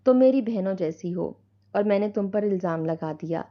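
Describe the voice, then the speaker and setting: A woman voicing a guilty, soft-spoken sister-in-law. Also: medium pitch, highs cut off, natural voice. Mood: remorseful. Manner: soft, subdued.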